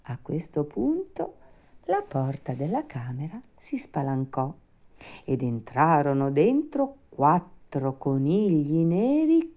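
A woman narrating a fairy tale in a slow, expressive reading voice. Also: sits low. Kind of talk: storybook reading.

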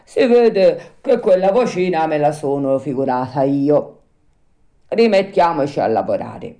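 A grumbling old carpenter mutters to himself in a storybook tale, as a woman reading aloud puts him on. His voice is louder and rougher than the narration, dark and low. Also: expressive, a little slow. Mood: chuckling. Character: old male carpenter, jovial then frightened.

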